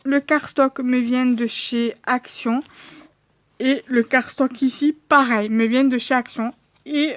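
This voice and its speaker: A woman's voice: a little high, dry recording. A woman vlogger showing her handmade cards in a casual, hesitant way, with many fillers. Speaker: crafting vlogger.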